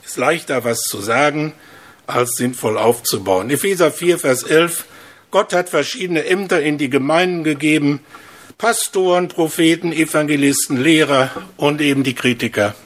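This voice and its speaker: A male preacher with a slightly high voice. He keeps the sermon moving with rhetorical questions and animated storytelling, and his voice rises and dips from line to line. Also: moderate pace.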